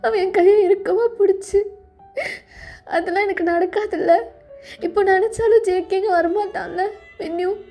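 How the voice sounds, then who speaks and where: A woman voicing a heartbroken young pregnant woman left by her lover, crying and halting in a fan audio drama, with soft music behind. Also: sits high, flat delivery. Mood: tearful. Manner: tearful, halting.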